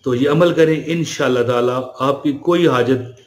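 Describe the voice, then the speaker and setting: Man giving a chatty spiritual talk, echoey room. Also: mid-range voice. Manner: chatty, addresses listeners with "ji" fillers. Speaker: religious speaker. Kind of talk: casual spiritual talk to camera.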